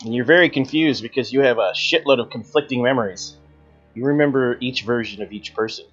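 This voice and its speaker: A man's voice: medium pitch, brisk, a bit bright, slightly rough, dull audio, faint music behind. A man narrating a tabletop horror game as game master, with dramatic storytelling. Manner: dramatic second-person storytelling. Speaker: game master, show host.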